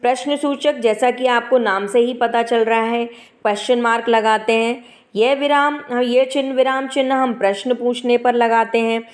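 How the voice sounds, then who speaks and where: A woman's voice: fairly high pitch, steady tone, normal speed. Emphatic woman teaching a class. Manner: asks the class questions and answers them herself; emphatic teacher's cadence with many tag questions. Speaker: Hindi teacher. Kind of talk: classroom grammar lesson.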